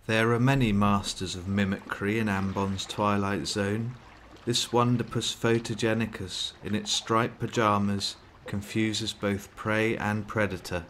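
A man's voice: fairly low pitch, little pitch movement, unhurried, a bit bright, a little hiss or hum. A man reading scripted narration in the style of a nature documentary.

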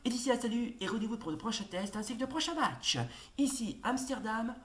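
A woman hosting a football video game let's play, commentating excitedly, shouting at the referee and hesitating often. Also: a little high, quick pace. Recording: roomy echo, faint noise.

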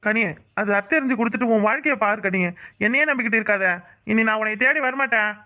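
A woman's voice: fairly high pitch, fast, sharp tone. A woman voicing a dismissive young husband who sides with his mother. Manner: dismissive, whiny.

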